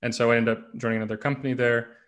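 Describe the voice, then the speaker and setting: A man from the United States, a podcast guest, telling his story in a relaxed, rambling way. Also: medium pitch, racing. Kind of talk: casual interview conversation.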